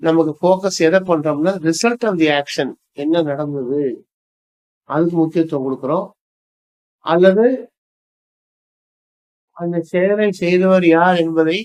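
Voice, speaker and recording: An older man with a Tamil accent gives a grammar lesson in a fairly high voice. He talks very slowly and deliberately, pausing between phrases. He reads English example sentences with careful emphasis. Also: rough recording. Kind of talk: slow explanatory lesson.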